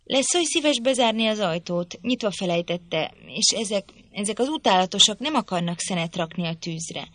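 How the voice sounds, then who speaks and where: A woman's voice: medium pitch, expressive, hardly any pauses, a bit bright, dry recording. Sickly young man, petulant, whiny, fretful, voiced by a woman narrator, dry close sound. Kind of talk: audiobook character voice.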